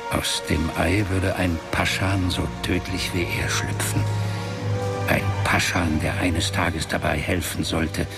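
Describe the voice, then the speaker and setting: Acting in a fantasy radio play, a performer gives full character voice to an ancient wizard father of a magical race, grave and solemn. The delivery is very low, gravelly and breathy, almost a half-whisper, measured and unhurried, with prominent music playing behind it.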